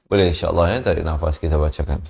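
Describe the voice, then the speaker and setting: Malaysian Quran teacher chanting and explaining. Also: male voice, a bass voice, steady tone, quick pace, gravelly, darkish tone, highs cut off. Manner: corrects mistakes patiently, breaks verses into syllables. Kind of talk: tajwid lesson alternating chanted recitation and spoken explanation.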